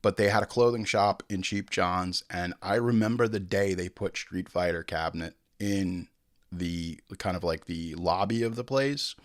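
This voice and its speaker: A middle-aged American man from Long Island, New York, hosts a film podcast in a low voice at normal speed, with studio-quality, echo-free sound. His monologue is casual, jokey and hyperbolic, with some swearing.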